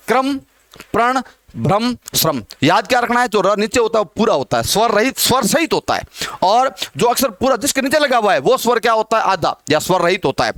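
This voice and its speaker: A man's voice: high-pitched, fairly bright tone, clean tone, no echo. A man teaching a Hindi grammar lesson who keeps asking questions and answering them himself, repeating the key words.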